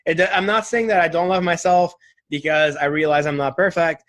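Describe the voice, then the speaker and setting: A man in his twenties speaks as a guest in a relaxed interview, in a voice that sits a little high. He is candid and reflective, and he talks loosely, leaning on "like" and "right?" as he thinks aloud. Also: a little fast. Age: 20s. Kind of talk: casual interview conversation.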